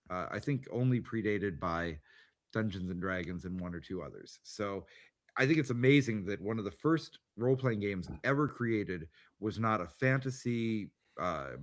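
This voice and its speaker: A man with a fairly low voice hosts a casual chat about tabletop games. He rambles along and often restarts his sentences, with plenty of ums and uhs. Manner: rambling, with many fillers and restarts. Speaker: podcast host.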